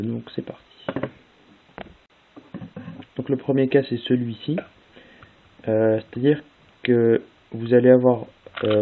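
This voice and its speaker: A young man casually explaining a puzzle-solving method step by step, with fillers along the way. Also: medium pitch. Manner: casual, spells out move sequences step by step with fillers. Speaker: speedcubing tutorial host. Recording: tinny lo-fi phone-like audio with faint hiss.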